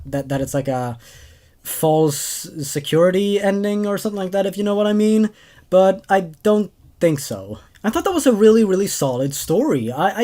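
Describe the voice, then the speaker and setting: The horror story host, a man in his twenties, has a dark-toned voice on the high side. He narrates the tales and chats casually about them, hesitating and repeating words when he comments.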